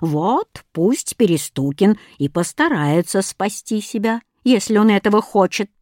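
A woman's voice: medium pitch, expressive, a little slow, a little mellow, dry recording, studio quality, natural voice. A woman voicing a stern old woman who is a living punctuation mark, speaking with a scolding tone in a storybook reading. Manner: strict, scolding.

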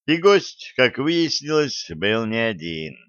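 A man narrating a science-fiction audiobook in a measured, wry storytelling manner. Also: mid-range voice, very animated, fairly bright tone, dry recording. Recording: dull dry close recording.

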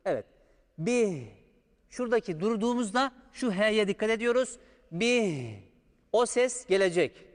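A man's voice: high-pitched, brisk, hardly any pauses. A man teaching Quran recitation, patiently drawing out sounds to show the correct pronunciation. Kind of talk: step-by-step recitation lesson. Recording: long hall reverb.

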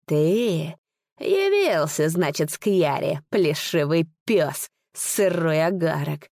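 A woman's voice: deep voice, sing-song, takes it slowly, a little mellow, dry recording, studio quality, heavily acted. A woman voicing an old, sly and greedy male sorcerer who taunts and sneers. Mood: gloating.

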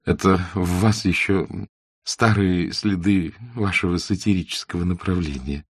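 A man voicing a shy, observant young woman in a classic novel audiobook, speaking softly and earnestly. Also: low-pitched, fairly even intonation, a little slow, husky, dry recording, clean studio sound. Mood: gently teasing. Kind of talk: audiobook character reading.

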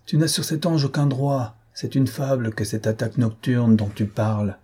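A man voicing a jealous, furious young marquis who shouts in rage and scorn. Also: medium pitch, moderate pace, slightly rough, lightly acted.

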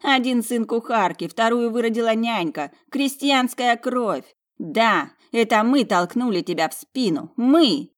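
A woman's voice: medium pitch, expressive, normal speed, close to an everyday voice. A woman voicing a spiteful, sneering young noblewoman in an audiobook, taunting her sister.

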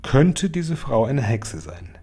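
A man's voice: mid-range voice, very animated, slow, mellow, slightly rough, voice pushed up, heavily acted. A man voicing a stern, knowing old grandmother who gives grave, matter-of-fact warnings in a storybook.

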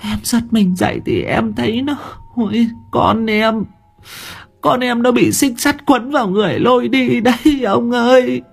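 A man voicing a frightened older village wife, whimpering and tearful in a high put-on voice. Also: measured pace, vocal fry, slightly rough, heavily acted. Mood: sobbing, frightened. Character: sobbing terrified older village wife, a woman.

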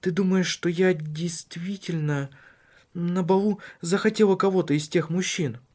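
An anxious young wife, soft-spoken and hurt, pleading with her husband in a storybook reading, as a male reader puts her on in a raised voice. Her words come gently and quietly, caught between shame and reproach. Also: sits high, steady tone, a little slow, voice pushed up.

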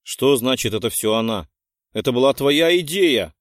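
A man's voice: mid-range voice, animated, moderate pace, no echo, clean studio sound, natural voice. A man voicing a hot-tempered teenage girl, heated and indignant.

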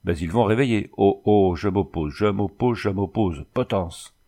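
Man reading as a drunk, crude street ruffian; loud rambling bluster. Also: fairly low pitch, moderate pace. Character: drunken ragged male ruffian, crude and rowdy.

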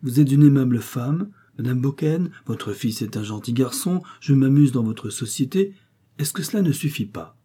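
Guy voicing a smooth-talking schemer, jovial and sly, pitched up, audiobook. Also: animated, normal speed, mellow. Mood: wheedling. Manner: jovial and insinuating. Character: jovial, insinuating scheming Parisian man.

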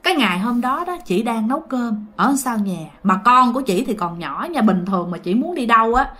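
A woman's voice: a little high, animated, fairly quick, fairly bright tone. A woman with a Southern Vietnamese accent telling a story casually, chatty and digressive, correcting herself and talking straight to her listeners.

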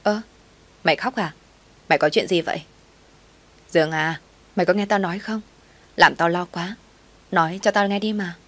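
A brash, loyal young woman friend , voiced by a woman reader. She talks bluntly and roughly, fussing anxiously in a lowish voice. It is a spoken audio story. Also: fairly even intonation, moderate pace, long pauses, natural voice. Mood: worried.

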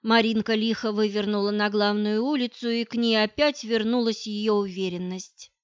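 A woman narrating an audiobook in an even storytelling manner. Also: medium pitch, moderate pace, clear, resonant tone, dry recording, highs cut off.

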